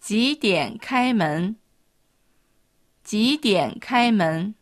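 A woman co-teaching a language lesson, pronouncing model phrases slowly and carefully. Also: mid-range voice, animated, no room sound, clean studio sound. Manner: slow, careful model pronunciation.

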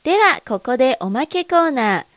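A woman teaching a language lesson, reading dialogue lines with careful, deliberate enunciation. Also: high voice, sing-song, dry recording.

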